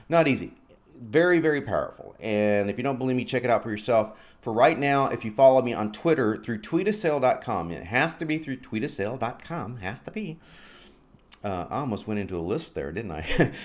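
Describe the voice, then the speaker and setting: A man in his forties vlogging about his fitness program, telling stories and acting out both sides of the conversation. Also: lowish voice. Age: 40s. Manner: animated storyteller, acts out both sides of dialogue. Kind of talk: casual promotional vlog.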